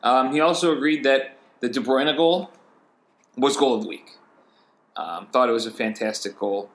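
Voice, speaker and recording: A man hosting a laid-back football podcast, talking in a loose, rambling way. He stops often to say um and start his sentences over. His voice sits at an ordinary middle pitch. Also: normal speed. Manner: rambling, frequent ums and restarts. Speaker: podcast host. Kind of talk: casual chat.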